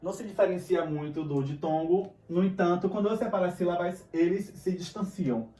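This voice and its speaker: A man teaching a recorded grammar lesson speaks with a Brazilian Portuguese accent, patiently and often pausing to check on his students. He talks a little fast in a high-pitched, dark-toned voice, captured from a distance in an echoey room.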